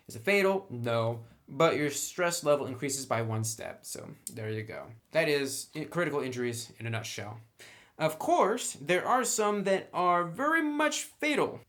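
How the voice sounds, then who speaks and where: A man with a medium-pitched, slightly bright voice reviews a tabletop game in a relaxed, chatty way. He talks directly to the viewer and walks through each point step by step.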